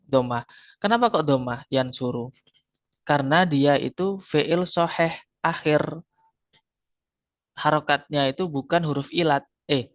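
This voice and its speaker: A man's voice: a little high, dry recording. Man teaching grammar in a dull, dry recording. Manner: explains patiently, repeats terms, quizzes students. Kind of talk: online grammar lesson. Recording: dull lo-fi sound.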